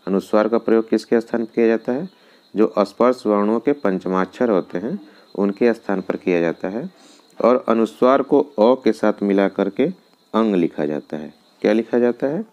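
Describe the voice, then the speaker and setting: A man teaching a grammar lesson in quiz form, asking each question and then answering it himself, repeating the key points slowly. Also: fairly low pitch, a little mellow.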